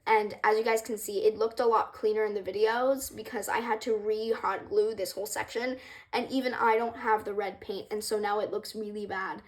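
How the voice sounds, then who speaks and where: A woman's voice: medium pitch, steady tone, moderate pace. A young woman casually explaining a craft project, rambling and hesitant with many ums, apologizing for her stuttering, in a room with a wooden floor. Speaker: craft creator. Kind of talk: casual tutorial vlog.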